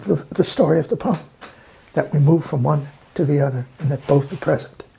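A man in a documentary interview, talking about literature with animated storytelling and emphatic repeated words. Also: fairly high pitch, a little fast, vocal fry, breathy edge.

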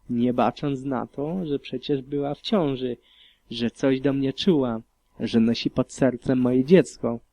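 A man's voice: medium pitch, mellow, no echo. A man reading a fanfiction audiobook as first-person narration in a somber, reflective way. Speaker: audiobook reader.

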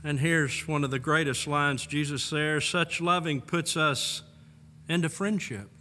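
A man in his sixties preaching a sermon from the pulpit of a church, earnest and full of rhetorical questions, often breaking into soft laughs. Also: on the high side, fairly even intonation, measured pace, slight background noise. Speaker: pastor. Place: church sanctuary. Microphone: pulpit microphone on a stand. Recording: long church hall reverb.

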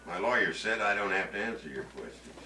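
A man's voice: low voice, expressive, a little fast, pushed and bright, slight background noise, exaggerated voice, rough recording. An actor playing a stubborn, guarded middle-aged man, a terse suspect under interrogation in a film drama. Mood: defiant, guarded. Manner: terse, stonewalling. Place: small indoor police office.

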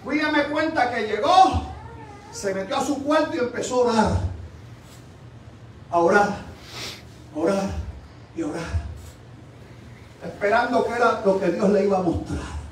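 A male preacher delivers a fervent sermon, pressing his point with shouted, repeated questions. His voice sits very high for a man. He sounds far from the microphone, in a church hall full of heavy echo. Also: unhurried, long pauses, slight background noise. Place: church sanctuary.

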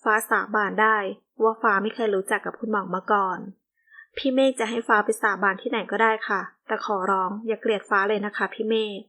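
A woman's voice: medium pitch, fairly even intonation, brisk, sharp tone, natural voice. Sweet, tearful young woman, pleading and polite, voiced by the reader; storybook role.

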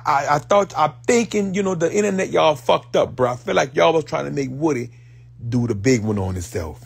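A man hosting a show of comedic commentary on internet gossip, animated and profane, jumping from loud outbursts to hushed asides. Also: a little high, gravelly, slightly rough. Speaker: show host.

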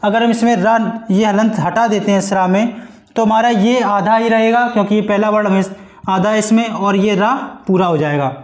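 A man's voice: sits high, steady tone, normal speed, roomy sound. A man teaching a grammar lesson, patiently repeating and drawing out syllables to show how they are pronounced. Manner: patient, repeats and stretches out syllables to demonstrate pronunciation. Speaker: Hindi teacher. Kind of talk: blackboard-style grammar lesson.

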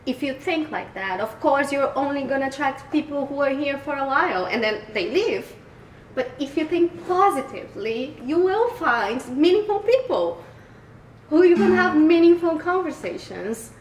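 A woman's voice: high-pitched, lively intonation, moderate pace, slight background noise. An actress playing an encouraging, insistent young woman urging her friend to go out. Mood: persuasive. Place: indoor bar. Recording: roomy sound, distant mic.

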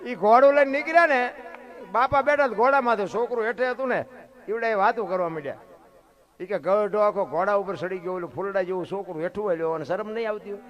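A man with a high-pitched voice tells devotional stories in a fervent, folksy way. He leans into earthy asides and now and then draws a phrase out into song. Plucked guitar music plays clearly behind him. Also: a bit bright, dull audio. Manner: fervent, folksy, swings into drawn-out sung phrases. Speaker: dayro storyteller and bhajan singer. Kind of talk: devotional storytelling with sung bhajan lines.

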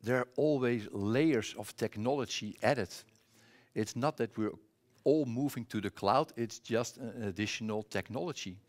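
A man's voice: mid-range voice, measured pace. Hesitant Dutch-accented man presenting. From Netherlands. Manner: casual, hesitant, frequent filler sounds and restarts. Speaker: conference presenter and trainer. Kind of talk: conference presentation. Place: conference room. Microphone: presentation mic.

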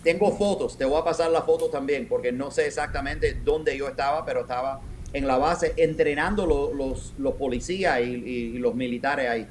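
A middle-aged man, a retired police commander, answering interview questions over a webcam from a home office, talking haltingly with many restarts and English words mixed in. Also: mid-range voice, a little hiss or hum. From raised in New York. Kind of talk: video call interview. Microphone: video call webcam.

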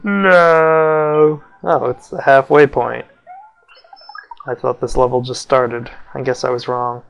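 A young let's play commentator talks slowly over a video game in a medium-pitched, fairly even voice that's gravelly, a bit bright and clean, though the highs are cut off. His commentary is casual, wry and self-mocking, with muttered asides, and his voice feels a little off, like he may be getting sick. Faint game music plays behind him.

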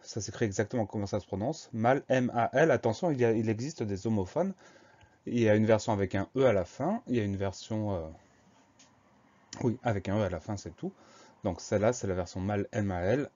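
A man's voice: on the low side, a little fast, warm tone, muffled recording. A man teaching a spelling lesson, patiently explaining words and spelling them out letter by letter.

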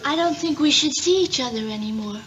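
Sweet, naive, high-voiced girlfriend. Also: expressive, brisk. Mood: quietly firm. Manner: simple, childlike earnestness. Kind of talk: 1970s multi-camera sitcom acting. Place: TV studio set, indoors. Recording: dull, noisy vintage TV soundtrack.

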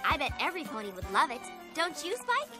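Twilight, eager bookish unicorn. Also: female voice, sits high, huge pitch swings, fast. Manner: eager, lecturing, precise. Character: bookish young unicorn mare, earnest scholar. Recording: over loud cartoon music.

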